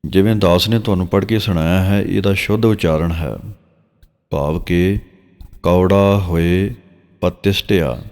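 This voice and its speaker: A man with a Punjabi accent, teaching the correct pronunciation of scripture and slowly drawing out each verse he recites. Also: sits low, a little mellow. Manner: slow, drawn-out recitation of verses between explanations. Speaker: Gurbani teacher. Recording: long reverb.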